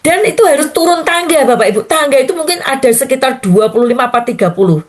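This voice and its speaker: A woman's voice: high voice, expressive, quick pace. Older woman pastor telling a testimony. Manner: storytelling, addressing listeners as Bapak Ibu. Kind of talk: testimony in a morning prayer sermon.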